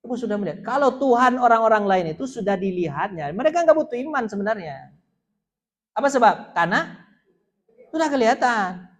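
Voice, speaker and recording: A man giving an informal religious lecture to a group of women, chatty and often asking them questions. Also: high-pitched. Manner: chatty, asks the audience questions, acts out stories. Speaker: Islamic preacher.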